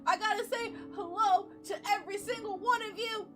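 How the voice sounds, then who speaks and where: A woman streaming a game, chatting excitedly with her audience, swearing, laughing and stumbling over repeated words, with faint game music behind. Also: extremely high pitch, a little fast. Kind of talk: casual live-stream chat.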